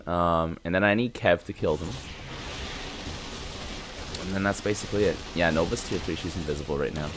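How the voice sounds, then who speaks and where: A man with a stuffy nose giving casual, rambling gameplay commentary, chatting with his viewers and breaking into surprised excitement. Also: low voice, fairly quick, long pauses, background noise. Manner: laid-back, rambling, chatty with viewers as "boys". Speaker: gaming YouTuber. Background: game music and sound effects.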